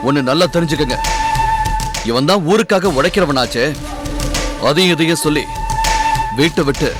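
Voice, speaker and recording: A man's voice: on the high side, lightly acted. An actor playing a defiant, sarcastic son who stands up to his family in a TV serial. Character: defiant proud adult son. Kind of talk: TV serial acting.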